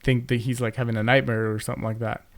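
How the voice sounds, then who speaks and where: Young man, gravelly voice, rambling storyteller, dry close mic. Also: mid-range voice, flat delivery, fast, no room sound. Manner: rambling, many fillers and restarts. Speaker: podcast co-host. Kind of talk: casual storytelling chat. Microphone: close podcast mic.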